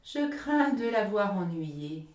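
A woman's voice: mid-range voice, very animated, slow, a little mellow, recorded from a distance. A woman voicing a small, blunt female songbird who talks lightly and offhandedly, in a storybook reading. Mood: offhand. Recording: roomy echo.

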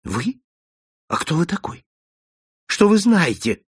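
A man's voice: high voice, sing-song, takes it slowly, breathy edge, no echo, clean studio sound, pitched above the performer's own voice, full character voice. A man voicing a timid, nervous little hotel clerk who speaks in a trembling, whining voice, in an audiobook. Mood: frightened. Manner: whimpering, trembling, pleading. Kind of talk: audiobook character voice.

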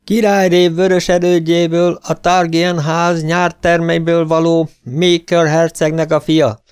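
A man's voice: fairly high pitch, flat delivery, clear, resonant tone, pitched above the performer's own voice, close to an everyday voice. A man voicing a male herald who proclaims a prince's titles in a ringing ceremonial manner. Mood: proclaiming.

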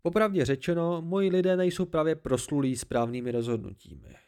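A man's voice: smooth, natural voice. A man doing a frantic young fae man. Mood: agitated. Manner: high, excitable, shouting outbursts. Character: young fae man, volatile, hysterical, pleading.

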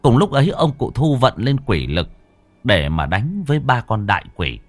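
A man narrating a scripted horror story with lively, dramatic delivery. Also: mid-range voice, moderate pace, no room sound. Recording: dry close voice, faint music.

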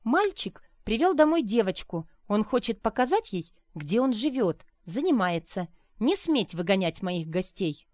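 A woman reading as a sharp-tongued mother around forty, indignant, sarcastic, higher and louder, dry close sound. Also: very animated, moderate pace, hardly any pauses, no echo. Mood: angry. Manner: shrill, offended, sarcastic retorts.

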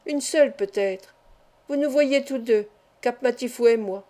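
Woman reader as jolly young male acrobat, chatty patter, warm tone. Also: a little high, a little slow, natural voice. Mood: earnest.

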